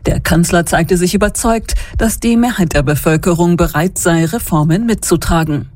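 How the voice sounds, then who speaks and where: A woman reading the radio news in a formal, even studio delivery. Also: fairly low pitch, normal speed. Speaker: news presenter.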